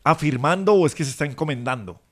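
A man's voice: a little high, fast talker. A man hosting a comedy radio show, teasing and laughing often. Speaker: radio host.

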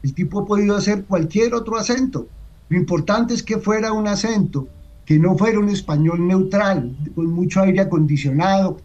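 A man with a high-pitched voice who talks emphatically on a radio panel, tossing out rhetorical questions. The sound is slightly muffled and dull. He keeps checking in with his listeners as he makes his point. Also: moderate pace, a little mellow. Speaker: panel guest.

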